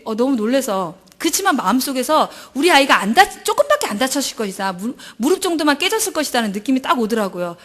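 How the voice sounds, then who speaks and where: A middle-aged woman, a pastor's wife, gives an emotional church testimony, acting out her own prayers as she tells the story. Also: a little high.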